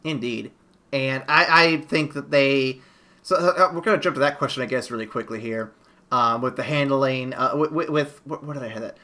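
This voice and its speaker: Bright-voiced man chatting casually. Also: medium pitch, normal speed. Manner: rambling, many restarts and fillers. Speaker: podcast host. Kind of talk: casual movie review chat.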